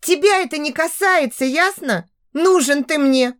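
A woman voicing a sharp-tongued, defiant young woman in an audiobook, high and snapping. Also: measured pace. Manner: shrill, scornful, snapping.

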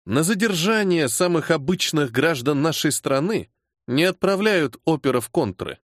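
A disciplined, hot-tempered major in his forties who speaks in clipped, caustic lines with restrained fury, as a man acts him out. His tone is lively and terse. The recording is dry and close. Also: on the high side, moderate pace, no room sound. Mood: restrained anger. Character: angry disciplined male major, forty-two, hot-tempered.

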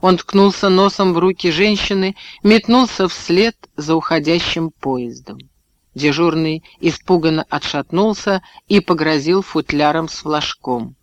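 A man reading a novel aloud in steady, measured narration. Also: on the high side, no room sound, lo-fi sound. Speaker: audiobook reader. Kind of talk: scripted narration.

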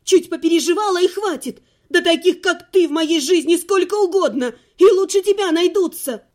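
A woman reader voicing a fiery young heroine who yells shrilly at her ex-husband. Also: normal speed. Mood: furious. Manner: shrill, explosive yelling and sharp retorts. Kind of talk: audiobook character voice.

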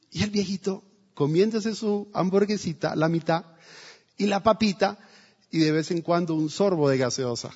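A man's voice: sits high, slightly rough. A male pastor preaching a sermon in a church, telling a story and acting out the quotes. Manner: storytelling with acted quotes, emphatic. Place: church hall. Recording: dull, echoey church recording.

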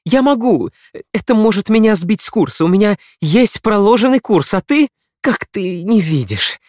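A man voicing an anguished young woman, high and strained. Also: dry recording, studio quality. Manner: quiet monotone, turning fast and pleading. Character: reserved young woman, cold then anguished.

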